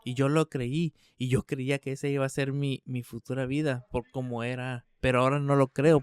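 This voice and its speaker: A man's voice: medium pitch, clean tone. An older man preaching a translated sermon in an emphatic way, with frequent restarts and fillers. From United States.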